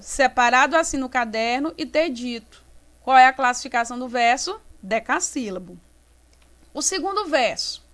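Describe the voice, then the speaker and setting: A Brazilian Portuguese-speaking woman teaching an online class, explaining step by step and sounding out syllables slowly. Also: high voice, fairly bright tone. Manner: slow, explains step by step, syllabifies words aloud. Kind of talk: recorded online class lesson. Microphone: computer mic while writing with mouse.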